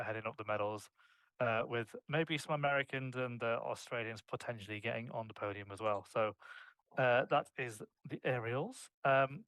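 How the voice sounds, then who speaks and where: A man's voice: mid-range voice, bright, forceful tone, no room sound, low-quality recording. A British man co-hosting a sports podcast, chatting casually and mocking himself, with lots of fillers. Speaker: podcast co-host.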